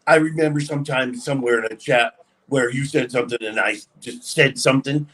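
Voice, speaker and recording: A man on an online voice chat panel, defending himself in halting sentences. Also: medium pitch, a bit bright. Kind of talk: casual panel talk.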